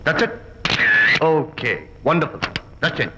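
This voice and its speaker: An actor playing a cheerful, easygoing groom who talks breezily and mixes in English phrases. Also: male voice, a little high, sing-song, extremely slow, noisy background, full character voice. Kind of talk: Telugu film acting. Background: film score music.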